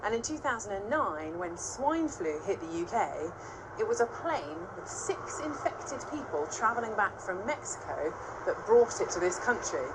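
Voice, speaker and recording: A woman with a British accent presenting and narrating a documentary in a clear, measured, explanatory way. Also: mid-range voice, big pitch swings, background noise. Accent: British English. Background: documentary music.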